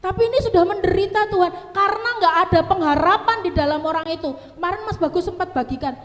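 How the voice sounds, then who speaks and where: A woman with a Javanese accent preaching a sermon in a church, animated and mixing in Javanese asides and laughter. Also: very high-pitched, fast talker. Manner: animated, mixing in Javanese asides and acted family quotes, laughing at her own stories. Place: church hall. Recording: echoey church hall with long reverb.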